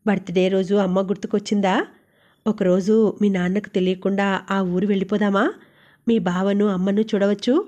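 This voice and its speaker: A woman's voice: mid-range voice, little pitch movement, fairly quick, dark tone, lightly acted. A woman voicing a cheerful young female roommate who teases and fusses over her friend. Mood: teasing. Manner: teasing, fussing.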